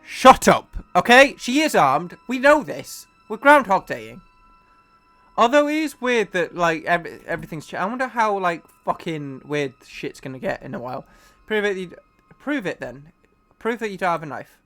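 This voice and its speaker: A man's voice: high voice, very animated, moderate pace, fairly bright tone, soft background music. A man giving casual, joking let's play commentary and swearing often. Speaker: game player.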